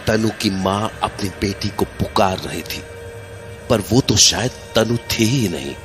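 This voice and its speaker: Deep-voiced male horror narrator. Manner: measured, suspenseful. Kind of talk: scripted horror story narration. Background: background music.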